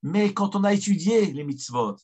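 A man's voice: high voice, animated, moderate pace, a little mellow, breathy edge. A man, a rabbi, giving a weekly Torah lesson in an emphatic storytelling way, repeating key phrases for weight.

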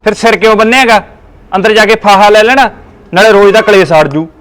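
An actor voices an exasperated husband in a village comedy drama who is stuck between his wife and his mother. He talks fast, and his voice is high for a man. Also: a bit bright. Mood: bickering. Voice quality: exasperated, bickering. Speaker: husband and son.

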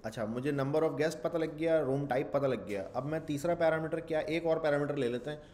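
A man's voice: on the high side, fairly quick, a little mellow. Rambling man thinking aloud while coding. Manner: rambling, thinks aloud, mixes English terms into Urdu. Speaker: programming instructor. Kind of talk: casual screen-share coding lecture.

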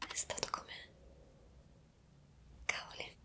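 A young woman whispers slowly, her tone sharp, playing a time traveller bewildered at being magically transported to the past. The ASMR roleplay is recorded close to the microphone, and she sounds hesitant and full of wonder.

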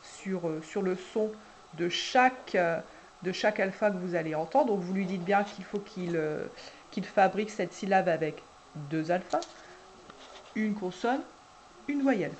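A woman preschool teacher guiding parents through a syllable dictation, speaking slowly and deliberately and drawing out each syllable. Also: fairly low pitch, slight background noise. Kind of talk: instructional video for parents.

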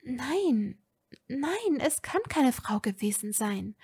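A woman's voice: fairly high pitch, very animated, slow, a little mellow, husky, heavily acted. Woman voicing a fierce young witch. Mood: worried. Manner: urgent, scolding, resolute.

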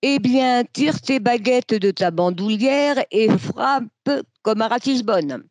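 A brusque, fearless general, as a storyteller voices him, gruff but teasing, in an unhurried delivery. The sound is close and dry. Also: mid-range voice, lively intonation, dry recording, voice pushed up. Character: gruff brave male general.

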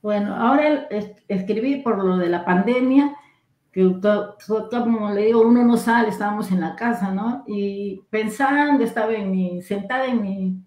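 Older woman from Peru, guest writer, warm mellow tone, echoey room; acts out her dialogue. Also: mid-range voice. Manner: retells her story with lively acted dialogue and laughs. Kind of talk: casual storytelling interview.

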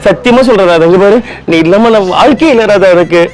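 A man doing a comic couple sketch, teasing and mock-accusing his partner with quick retorts. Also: high-pitched, faint music behind.

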